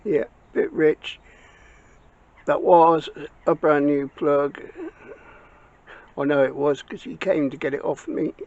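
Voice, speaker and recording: Repair vlogger: gravelly, slightly high man, muttering workshop commentary, dull lo-fi audio. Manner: muttering to himself while working. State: out of breath. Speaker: small engine repairer. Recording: dull lo-fi audio with clear background noise.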